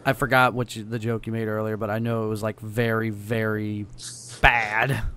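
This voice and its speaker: A man co-hosting a casual podcast, joking and telling animated stories. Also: on the low side, normal speed, clean tone. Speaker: podcast co-host. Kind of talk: casual chat.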